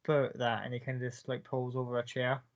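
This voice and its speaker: A man's voice: mid-range voice, monotone, fast talker. A man narrating a tabletop game as game master in a loose, casual way. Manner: casual, loose, many "kind of, like" fillers. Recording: muffled lo-fi recording.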